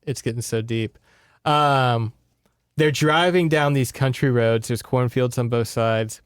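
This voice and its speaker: With a clear, resonant tone at medium pitch, a man hosts a podcast retelling a book in casual chat and checks in with listeners. He speaks at a measured pace, and the studio recording is dry.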